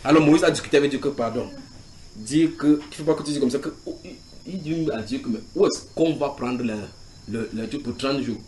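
A man's voice: medium pitch, a little fast, slight background noise. A man preaching in a house church, teaching from the Bible, reading scripture aloud and putting questions to his listeners. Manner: animated, asks the group questions and reads scripture aloud.

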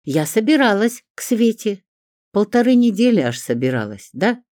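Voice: very animated, normal speed, darkish tone, dry recording, clean studio sound, natural voice. A reader voicing a self-pitying young mother who whines, shrieks and plays at tears. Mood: defensive. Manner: shrill, whiny, melodramatic.

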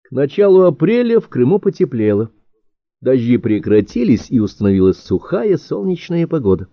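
A man reading an audiobook in a measured, expressive storytelling manner. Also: mid-range voice, dry recording. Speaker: audiobook narrator. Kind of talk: audiobook narration. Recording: dry, dull-sounding audiobook recording.

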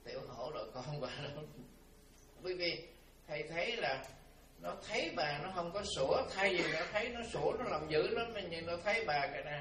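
A male Buddhist monk tells a story in an animated dharma talk and turns often to address his listeners. His voice is somewhat high for a man and sounds distant from the mic. The room gives it a strong echo, with a faint hiss beneath. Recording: roomy, from far off, faint hiss.

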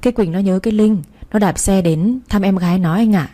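A woman's voice: mid-range voice, brisk, dark tone, lightly acted. A woman voicing a middle-aged mother who scolds her daughter yet fears her husband. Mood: scolding, anxious.

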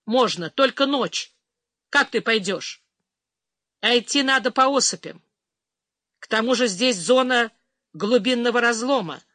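Woman narrator doing a gruff solitary man, curt, slow and measured, bright dry voice, storybook. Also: fairly high pitch, dry recording, full character voice. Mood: steady. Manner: terse, calm. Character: lonely man living alone in the wild, gruff and guarded.

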